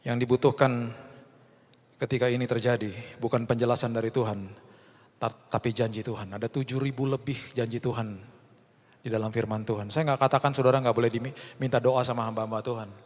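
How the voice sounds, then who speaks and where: A middle-aged man preaching an evening devotional sermon, animated, voicing the people he quotes. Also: fairly quick. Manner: animated, acts out quoted voices with sudden high jumps. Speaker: pastor. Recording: long reverb in a hall.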